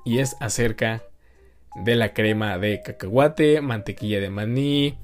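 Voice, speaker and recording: A man hosting a casual solo podcast in Spanglish, dropping roughly pronounced English words into his Spanish. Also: on the low side, unhurried, faint music behind. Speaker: podcast host.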